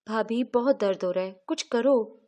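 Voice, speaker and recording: Woman voicing a young brother-in-law, storybook reading, whiny, sly, bargaining, fairly high voice. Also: warm tone, lightly acted. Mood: pleading. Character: young man, brother-in-law, pleading then scheming.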